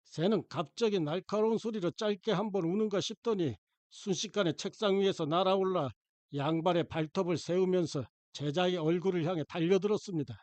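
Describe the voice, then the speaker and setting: A man narrating a short story for an audiobook in a calm, measured storytelling manner into a close mic. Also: high-pitched, dry recording.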